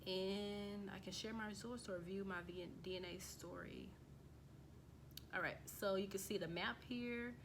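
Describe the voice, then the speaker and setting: An American woman from the United States talks casually to camera in a vlog, reading results off a screen with plenty of fillers and restarts. Her voice is medium in pitch and unhurried, set against a noisy background.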